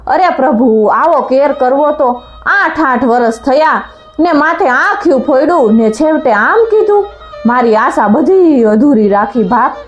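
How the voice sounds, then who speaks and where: Brief: woman storyteller as a generous older village patron, earnest, slightly high voice, faint music behind. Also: expressive, a little slow. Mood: grieving.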